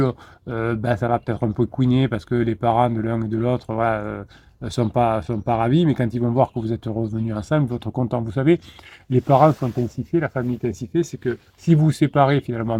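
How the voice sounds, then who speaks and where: Guy coaching people, pushy and repetitive, keeps tripping on words, dark mellow voice. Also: mid-range voice, no echo. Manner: emphatic, repetitive, frequent stammered restarts. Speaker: relationship coach. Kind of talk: motivational coaching monologue.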